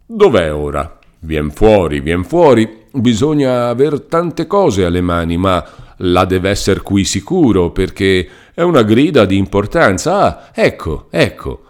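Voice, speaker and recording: A man's voice: fairly low pitch, big pitch swings, unhurried, hardly any pauses. A man voicing a pompous, fussy middle-aged country lawyer who blusters and reads legal texts theatrically.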